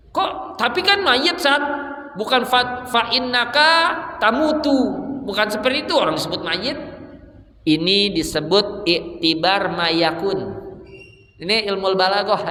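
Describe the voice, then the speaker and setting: A man's voice: high voice, pushed and bright. A male religious teacher giving a mosque study lecture, humorous, often asking and answering his own questions. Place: mosque hall. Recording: echoey mosque hall.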